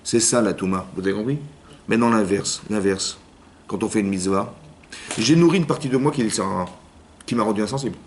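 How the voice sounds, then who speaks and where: A man, a rabbi, giving a Torah lesson in a lively way, acting out little inner dialogues and often checking that his listeners have understood. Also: fairly low pitch, fast, slight background noise. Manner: lively, acts out inner voices, keeps asking "vous avez compris?". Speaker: rabbi teaching a class.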